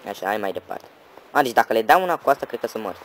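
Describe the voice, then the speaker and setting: A man giving excitable let's-play commentary, swearing and yelling at enemies over loud game music. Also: fairly low pitch, a little hiss or hum, poor audio. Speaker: gaming channel host.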